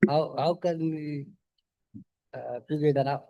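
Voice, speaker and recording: A man's voice: on the high side, fairly even intonation, takes it slowly, lo-fi sound. A man in his fifties, asking a panel a question from the audience in an insistent, emphatic way and repeating his points. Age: 50s. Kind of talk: public Q&A question.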